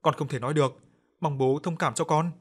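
A man voicing a frightened young woman who speaks softly while sobbing. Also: on the high side, fairly even intonation, brisk, husky, voice pushed up. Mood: tearful pleading. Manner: soft, pleading.

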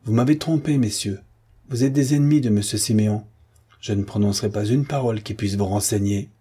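A man's voice: medium pitch, expressive, normal speed, warm tone, slightly rough. A man reading aloud and voicing an old male concierge who is firm and loyal, speaking in an insistent, pleading way. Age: older.

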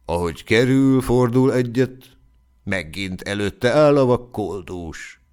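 A man narrating a classic short story for an audiobook, in a measured storytelling manner. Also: medium pitch, expressive, a little mellow, clean tone. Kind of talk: scripted narration.

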